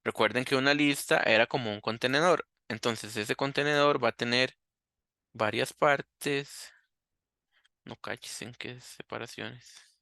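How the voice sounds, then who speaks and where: A man's voice: mid-range voice, moderate pace, gravelly, bright, forceful tone, no room sound, studio quality. A man teaching a coding lesson, thinking aloud and asking himself questions as he works. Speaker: programming teacher. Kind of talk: screen-recorded coding lesson.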